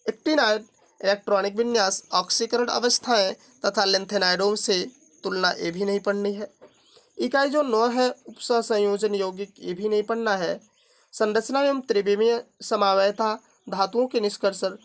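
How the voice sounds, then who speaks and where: A man's voice: sits high, a bit bright. A male teacher reading a course syllabus aloud item by item, adding brief remarks about what to skip. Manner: reads through a long list item by item, adding brief remarks.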